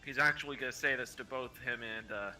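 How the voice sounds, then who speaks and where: Very bright-voiced, halting man at game table. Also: mid-range voice, faint music behind. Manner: halting, searching for words. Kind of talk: casual game-table chat.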